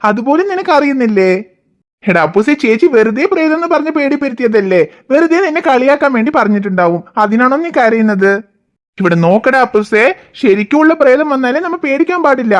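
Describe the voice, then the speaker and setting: A jokey cartoon father, as a woman puts him on, playful and a little bossy with his family. The voice is pushed down into a lower register while still sitting fairly high for a man. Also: expressive, a little fast. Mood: teasing. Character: teasing good-natured father, grown man. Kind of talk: cartoon voice acting.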